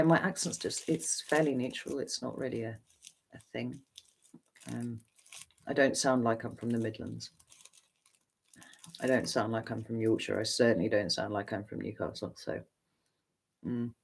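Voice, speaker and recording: This is a man from England, neutral in accent, doing a livestream Q&A as a tarot reader; he's candid and rambling, with casual swearing as he answers viewers. His voice sits at a medium pitch, steady and unhurried, with a creaky edge and frequent pauses. There's slight background noise.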